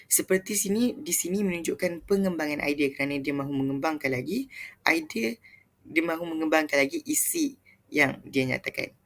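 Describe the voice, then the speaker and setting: A man's voice: fairly high pitch, sing-song, moderate pace, vocal fry, fairly bright tone. A young man with a Malaysian Malay accent gives a student presentation on linguistics, reading steadily from his notes with small restarts.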